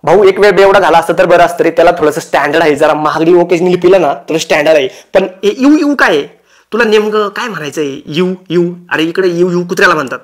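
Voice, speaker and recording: A man's voice: high-pitched, fast talker. A man hosting a comic roast, teasing and mocking the people in the clips he reacts to. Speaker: roast host.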